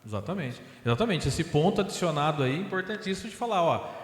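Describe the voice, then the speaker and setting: A man with a Brazilian Portuguese accent leads a seminar and speaks in a lively, engaged way. His voice sits a little high for a man. The sound carries the wide, roomy echo and long reverb of a big meeting hall. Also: fast. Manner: lively, retells dialogues in quotes. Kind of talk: teaching seminar talk. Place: large hall of a spiritist center.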